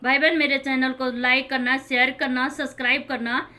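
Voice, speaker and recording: A woman's voice: high voice, little pitch movement, moderate pace, sharp tone. A woman hosting her own channel, explaining Bible verses in an informal preaching style. She talks earnestly and directly, repeating and rephrasing each verse as she explains it.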